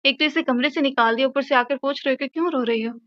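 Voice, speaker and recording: A woman's voice: sits high, fast talker, dull audio, close to an everyday voice. A woman voicing a stern middle-aged mother in an audio novel, scolding her son with authority.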